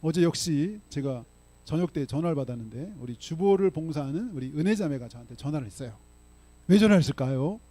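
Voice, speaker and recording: High-voiced emphatic male pastor. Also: expressive. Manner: emphatic preaching, frequent rhetorical "응?" and "예?" prompts to the congregation; reads scripture aloud slowly and forcefully. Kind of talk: sermon. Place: church sanctuary.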